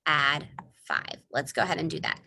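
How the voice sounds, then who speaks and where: A woman's voice: sits low, sing-song, moderate pace, sharp tone. A woman teaching young children a math lesson in an exaggerated, sing-song, encouraging kindergarten-teacher voice, posing questions and answering them herself. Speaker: elementary school teacher.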